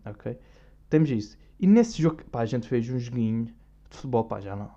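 Animated and a little fast, a young European Portuguese-accented podcast host rambles through a casual monologue full of slang. His medium-pitched voice has a warm tone, though the lo-fi recording sounds dull.

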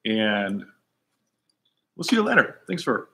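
A man hosting an online talk show, chatting casually and relaxed, with fillers and restarts. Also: fairly low pitch, slow pace. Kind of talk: casual chat.

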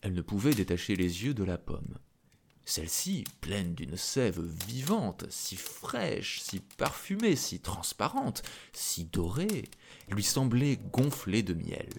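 A man reading a fairy tale aloud in an expressive, dramatic way. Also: lowish voice, slow pace, vocal fry, a little hiss or hum. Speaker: narrator. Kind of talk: storybook reading. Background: faint music.

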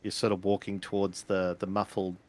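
A man's voice: deep voice, monotone, fairly quick, a little mellow. A man narrating a tabletop game as game master, describing scenes hesitantly with many fillers.

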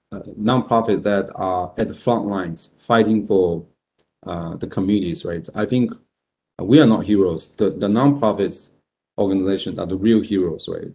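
Young adult male founder, dark mellow tone, halting interview delivery full of fillers. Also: lowish voice, gravelly. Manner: halting, many fillers and restarts. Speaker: fintech founder. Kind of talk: interview answer.

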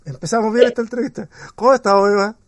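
A man's voice: high-pitched, quick pace, no echo. A man hosting a podcast interview, speaking in an encouraging, reflective way, with light guitar music behind him. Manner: reflective, encouraging, tells a Bible story. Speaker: podcast host.

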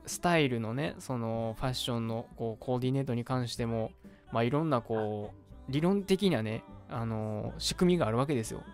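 Man, Kansai accent, radio host, medium pitch, colloquial advice talk, explanatory, faint music in the background. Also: brisk. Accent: Kansai Japanese. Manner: explanatory, colloquial, reading out listener letters. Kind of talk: casual advice talk on a livestream radio show.

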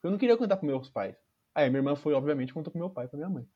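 Fast-talking high-voiced man, slangy. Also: slightly rough, lo-fi sound. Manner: slangy, animated, swears freely. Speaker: podcast storyteller. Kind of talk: casual storytelling chat.

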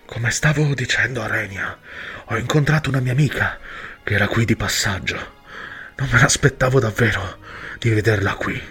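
A man voicing a grim veteran warrior whose voice comes out muffled, as if through a mask or a wall, speaking in a low, measured, guarded way. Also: bright, forceful tone, breathy edge, faint music behind, full character voice. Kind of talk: audiobook character reading.

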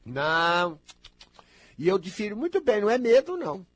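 A man giving a spiritual talk, emphatic and scolding, swinging between loud outbursts and low murmurs, with a husky voice. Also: very animated, fast talker, no echo.

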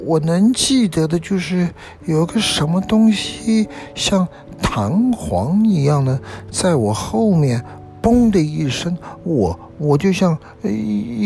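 Man playing a timid little lizard, storybook reading, stammering, shaky, raised pitch, slow. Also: big pitch swings, creaky, darkish tone, faint music behind, exaggerated voice. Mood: shaken, stammering. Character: small timid male lizard, shaken.

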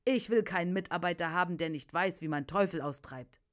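A woman's voice: on the low side, brisk, lightly acted. A woman voicing a commanding male revival preacher who talks firmly and demandingly.

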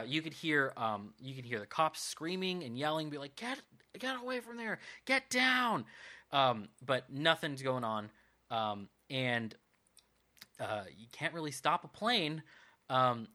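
A man's voice: mid-range voice, unhurried, bright, forceful tone. A man narrating a tabletop game as game master, rambling with lots of ums and uhs.

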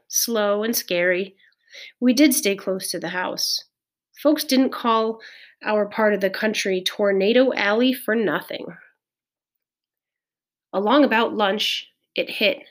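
A woman reading a children's novel aloud in a measured, clear storytelling voice. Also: mid-range voice. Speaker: audiobook reader. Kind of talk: scripted narration of a children's novel.

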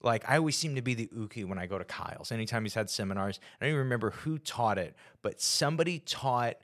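A man's voice: medium pitch, lively intonation, quick pace, fairly bright tone. A man hosting a podcast in casual chat, joking and teasing his guest and laughing often. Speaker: podcast host.

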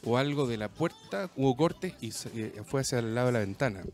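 A Chilean man telling a friend a story in a casual chat, full of slang, restarts and halting bursts. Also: mid-range voice, animated, darkish tone, soft background music. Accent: Chilean Spanish.

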